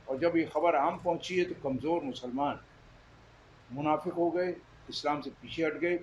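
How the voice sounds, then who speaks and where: High-voiced emphatic male preacher. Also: lo-fi sound, a little hiss or hum. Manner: emphatic, addresses listeners directly with questions. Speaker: Islamic preacher. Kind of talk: sermon. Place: Jeddah.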